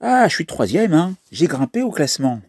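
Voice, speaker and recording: A man's voice: a little high, very animated, moderate pace, husky, dry recording. A man giving casual commentary on a mobile trivia game, thinking aloud as he plays. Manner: chatty, thinks aloud while playing. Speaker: mobile game video maker.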